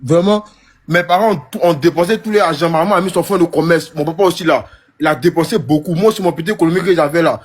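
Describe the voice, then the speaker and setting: A man's voice: fairly high pitch, fast, husky. A young man with an Ivorian French accent calling in, moved and pleading, repeating himself and stumbling over words. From Côte d'Ivoire. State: emotional, moved. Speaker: caller. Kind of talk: emotional call-in plea.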